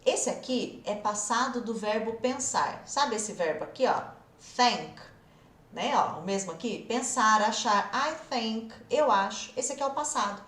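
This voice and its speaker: A woman's voice: a little high, measured pace. A woman with a Brazilian Portuguese accent teaching a live English lesson, explaining with demonstrations and talking straight to her viewers. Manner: animated, demonstrative explaining, addresses viewers directly. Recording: roomy echo.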